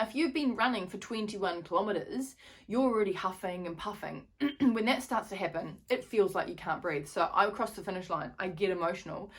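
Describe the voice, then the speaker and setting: A woman's voice: medium pitch, slightly rough. A woman in her thirties telling a story in a chatty, rambling vlog with many fillers and restarts. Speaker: fitness vlogger.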